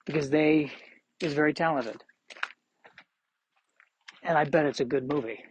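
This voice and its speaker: A man's voice: fairly high pitch, unhurried, a little hiss or hum, poor audio. A man in his forties hosting a solo podcast, chatting casually in a rambling, self-deprecating way. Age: 40s. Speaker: podcast host.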